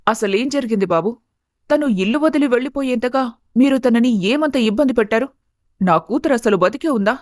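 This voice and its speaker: A woman's voice: a little high, lively intonation, a little fast, a little mellow, no echo, lightly acted. A frightened, tearful mother, voiced by a woman narrator who speaks in a crying, desperate way, close to the narrator's own voice. The recording is dry and close-miked, with no room sound. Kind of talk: storybook character voice.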